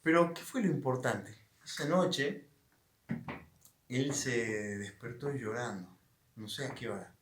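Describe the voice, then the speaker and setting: Argentine male pastor, 30s, mid-pitched, chatty sermon full of restarts, echoey room. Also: slow, background noise. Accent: Rioplatense Argentine Spanish. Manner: storytelling, conversational with many restarts. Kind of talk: online sermon with a personal story.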